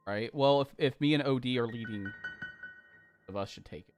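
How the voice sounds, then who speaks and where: A man's voice: mid-range voice, normal speed, faint music behind. A man playing in a tabletop game, talking casually and hesitantly, often repeating words. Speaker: player.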